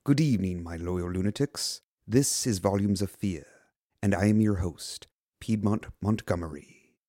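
An actor playing a pompous, eager horror podcast host with theatrical, formal phrasing in a scripted audio drama. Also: male voice, low voice, moderate pace, dark tone, close to an everyday voice. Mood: theatrically sinister.

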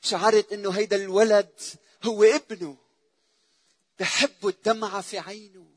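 A man voicing a grieving, lonely widowed mother who speaks softly and tenderly. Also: high voice, steady tone, moderate pace, husky. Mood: tender grief.

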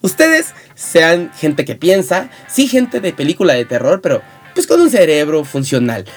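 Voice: mid-range voice, huge pitch swings, normal speed, husky, faint music behind. A host with a Mexican Spanish accent gives comedic advice in a playful monologue, acting out little scenes in put-on voices. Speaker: show host.

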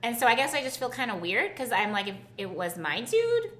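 A chatty woman co-hosting a comedy talk show, her voice high and bright and swinging up and down a lot. She rambles and fills her talk with "like". The room around her sounds echoey. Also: huge pitch swings, a little fast. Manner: chatty, peppers speech with "like". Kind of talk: improvised comedy chat.

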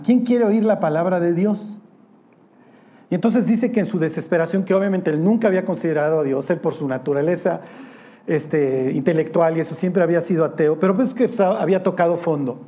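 A man's voice: high voice, mellow. A man preaching a casual sermon to young people, conversational and teasing, with slang.

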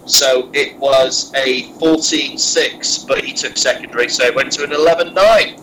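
A man with a mid-range, fairly bright voice talks at normal speed, nasal from a head cold, in a low-quality recording with a little hiss or hum. A podcast co-host, he drives while chatting casually about a wargaming tournament, rambling through restarts full of filler.

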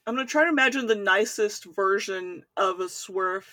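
A woman's voice: medium pitch, moderate pace, bright, forceful tone, no echo. A woman hosting a podcast interview, asking casual, hesitant questions. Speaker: podcast host.

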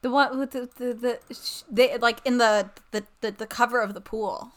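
A woman co-hosting a podcast in casual chat, chiming in with quick, hesitant interjections. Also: a little high, fairly even intonation, a bit bright. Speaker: podcast co-host.

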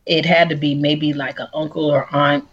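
A young woman from the US, chatting casually as a podcast guest and telling stories with lively quoted voices. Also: low-pitched, moderate pace, lo-fi sound, a crowd in the background. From United States (born in Texas, raised in Atlanta). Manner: chatty storyteller, mimics other voices in quotes. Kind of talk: casual conversation.

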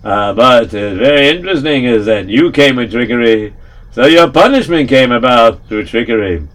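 Sternly now, the storyteller's shrewd old rabbi speaks in a calm, deliberate way, with a steady mid-range voice close to the teller's natural one. He doesn't rush and drops Yiddish words here and there.

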